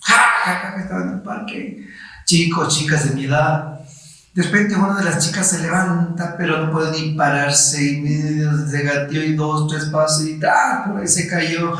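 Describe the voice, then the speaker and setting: A man preaching a sermon, telling a personal testimony in a lively way and acting out the dialogue as he goes. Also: a little high, normal speed. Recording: echoey room, far from mic.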